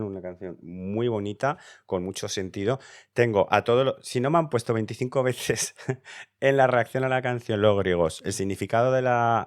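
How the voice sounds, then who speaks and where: A man's voice: lowish voice, no echo, clean studio sound. A man from Spain chatting enthusiastically as he reacts to a song contest entry, casual and talkative. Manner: chatty, enthusiastic, restarts and fillers. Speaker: Eurovision reaction youtuber.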